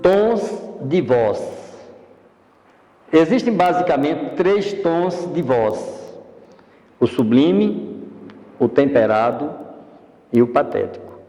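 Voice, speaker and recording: Brazilian male speaking coach, explains patiently, dark relaxed voice, reverberant room. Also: a little high, slow pace, long pauses, soft background music. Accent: Brazilian Portuguese. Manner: didactic, explanatory, demonstrates voice tones. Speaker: public speaking instructor. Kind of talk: instructional speaking course. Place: studio.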